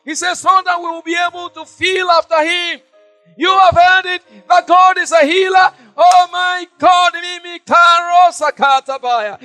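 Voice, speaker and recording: A man preaching an impassioned sermon, shouting much of it. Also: extremely high pitch, flat delivery, normal speed, soft background music.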